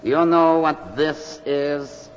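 A man's voice: fairly high pitch, very slow. A man playing a menacing Nazi naval lieutenant with a German accent, questioning with mock patience in a 1940s radio drama style. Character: menacing Nazi U-boat lieutenant interrogating a prisoner. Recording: muffled, reverberant, noisy old radio recording.

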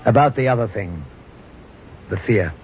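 An actor playing a hard, composed, quietly contemptuous safari hunter in a 1950s radio drama. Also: male voice, lowish voice, expressive, measured pace. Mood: grave, contemptuous. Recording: muffled old radio, faint noise.

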